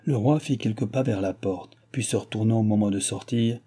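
A man reading a classic novel aloud as the narrator, in a measured, even storytelling delivery. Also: fairly low pitch. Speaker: audiobook reader.

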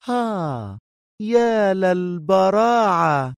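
A man's voice: high-pitched, animated, creaky, darkish tone, dry recording, voice pushed up. A man putting on a mocking young woman. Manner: sarcastic, teasing, drawn-out.

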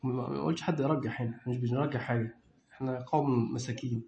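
A male religious teacher with an Egyptian accent, lecturing a class and quizzing the students with quick questions. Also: medium pitch, steady tone, gravelly, a little mellow. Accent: Egyptian Arabic. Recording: echoey room, dull lo-fi sound.

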